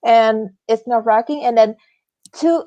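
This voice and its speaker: A woman's voice: a little high, warm tone, no echo, lo-fi sound. Earnest woman guest. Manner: earnest, halting with restarts. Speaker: interview guest, small business owner. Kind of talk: casual live interview.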